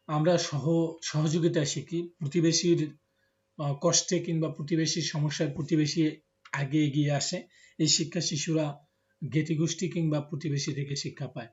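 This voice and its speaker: A male teacher, giving a classroom lecture and explaining slowly with many fillers. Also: on the high side, darkish tone. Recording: dull lo-fi recording.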